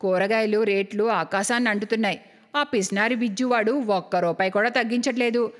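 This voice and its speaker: A woman's voice: medium pitch, a little fast, in a large hall, pitched below the performer's own voice, lightly acted. A woman voicing a stingy, bossy middle-aged mother-in-law who scolds and mocks in a cartoon story. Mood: scolding. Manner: scolding, sarcastic.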